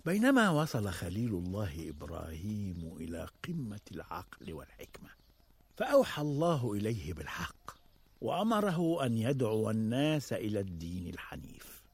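Husky, expressive male narrator. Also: on the low side, normal speed. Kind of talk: scripted religious history narration.

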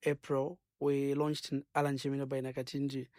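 A man with a Zambian accent, a gospel singer and minister, talking earnestly in a radio interview, preaching as he goes and filling pauses with "uh" and "um". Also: medium pitch, monotone, a little mellow, no echo, studio quality. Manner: earnest, preachy, rambling with many fillers.

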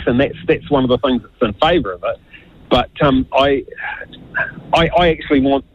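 Blunt, joking New man calling in on a muffled phone line, husky voice. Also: medium pitch. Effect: heard over a phone line. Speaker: caller to a radio show. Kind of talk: casual phone-in chat.

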